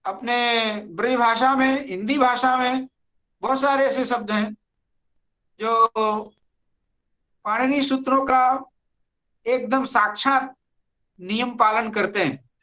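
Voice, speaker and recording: Grammar teacher, online class lecture, very unhurried delivery, repeats key words. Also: medium pitch, bright, forceful tone, rough recording.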